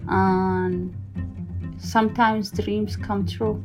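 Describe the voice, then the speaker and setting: A woman tells her own story slowly, hopeful but hesitant, often restarting her sentences. Her pitch sits in an ordinary middle range, and a faint instrumental bed runs behind her. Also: flat delivery, over music, poor audio. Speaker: refugee volunteer and co-producer. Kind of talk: reflective personal testimony.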